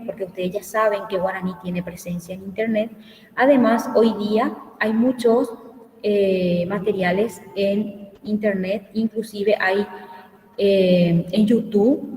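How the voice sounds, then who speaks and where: A woman lecturing at an unhurried pace, pausing often to check that her students are following. Her voice sits back from the microphone, and the room around her rings with a long, echoing tail. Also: mid-range voice, warm tone. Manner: slow, explanatory, checks understanding with frequent "¿sí?". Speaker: Guarani language teacher. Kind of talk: online class lecture. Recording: echoey room, voice from far off the mic.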